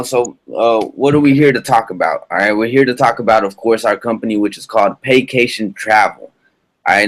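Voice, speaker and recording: A man in his thirties, originally from Colombia, giving a casual sales presentation over a video call in a loose, filler-heavy way. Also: mid-range voice. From Bogota, Colombia. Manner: loose, filler-heavy, repeats "all right, perfect". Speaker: business presenter.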